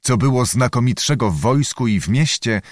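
A man's voice: mid-range voice, lively intonation, moderate pace, no room sound, studio quality. Solemn male audiobook narrator. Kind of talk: scripted narration of a historical novel.

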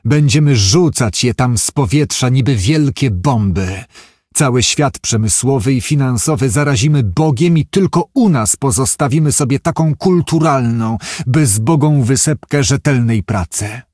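A man voicing a wealthy industrialist, talking in an emphatic, excitable way, pitched above his own voice. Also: moderate pace, husky, no echo, clean studio sound, natural voice. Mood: scheming, gleeful. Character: wealthy middle-aged male industrialist, flustered and calculating.

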